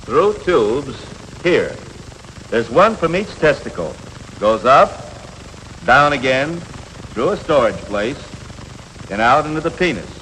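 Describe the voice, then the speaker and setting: In a 1950s educational film, an American actor plays a patient, matter-of-fact coach teaching adolescent boys, explaining things plainly with frank reassurance. His mid-range voice is a bit bright, with big pitch swings, a slow pace, and frequent pauses. The soundtrack is noisy and reverberant.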